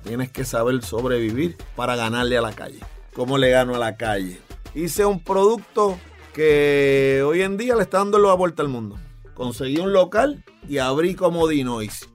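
A Puerto Rican man, a DJ, tells his stories in an animated, vivid way during an interview. His voice sits at a middle pitch for a man. Faint music runs behind him. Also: normal speed. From Puerto Rico. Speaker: DJ and club owner. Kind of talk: interview recollection.

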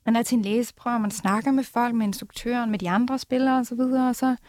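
A woman's voice: a little high, steady tone, darkish tone, no echo, clean studio sound. A woman actress as an interview guest, candid and self-deprecating, laughing easily. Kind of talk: casual interview chat.

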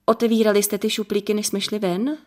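A woman's voice: medium pitch, flat delivery, darkish tone, voice pushed up, natural voice. A woman reading the part of a meticulous, uneasy mother who speaks curtly, in an audiobook. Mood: tense. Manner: curt, tense.

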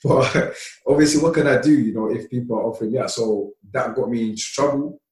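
A man from Somalia, a podcast guest, telling stories from his childhood in a relaxed, chatty way with lots of laughter and fillers. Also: medium pitch, brisk. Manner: relaxed, laughs often, many "you know" fillers. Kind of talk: casual storytelling. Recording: roomy, distant mic.

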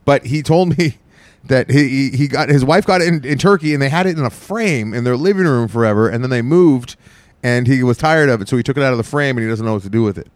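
A man's voice: medium pitch, fast, no room sound. A man telling a rambling story in a casual podcast chat, wry and drawn out. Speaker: podcast host.

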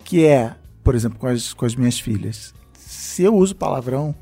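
A man, telling lively anecdotes in a casual chat and acting out what people said. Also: medium pitch, moderate pace, soft background music. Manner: lively storyteller who acts out quotes. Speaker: podcast co-host.

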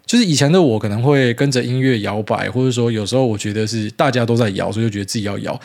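A man's voice: medium pitch, very fast, a little mellow. A man in his thirties with a Taiwanese Mandarin accent, hosting a casual solo podcast in a rambling, blunt way with mild swearing. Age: 30s. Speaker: podcast host.

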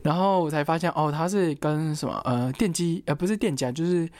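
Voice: medium pitch, fairly quick, a little mellow, dry recording. A young adult student, casually telling a personal story and stringing thoughts together with fillers. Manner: chatty, quotes others, lots of fillers like "然后" and "anyway".

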